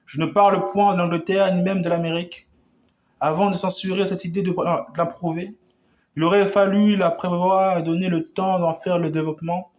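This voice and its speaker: A man with a fairly high voice delivers an old revolutionary speech as oratory. He builds long rhetorical sentences and often trips over words and starts them again. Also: level tone, normal speed, darkish tone. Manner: oratorical, with frequent stumbles and restarts. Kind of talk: declaiming a historic revolutionary speech.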